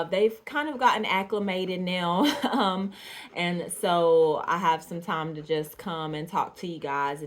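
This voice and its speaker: A woman from Georgia, chatting casually to camera about dolls and drinks, with frequent ums and little laughs. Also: on the low side. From Georgia, USA. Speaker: doll artist vlogger.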